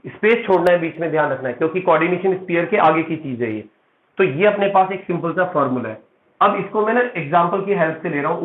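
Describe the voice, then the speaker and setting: A male chemistry teacher giving a classroom lecture, explaining step by step, calling his students "beta" and checking in with "theek hai". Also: fairly high pitch. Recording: echoey room, tinny phone-like sound.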